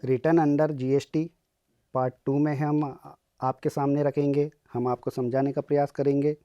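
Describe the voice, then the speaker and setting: A man's voice: mid-range voice, level tone, measured pace, warm tone, dry recording, muffled recording. A man lecturing a college class on tax returns, explaining step by step and asking and answering his own questions.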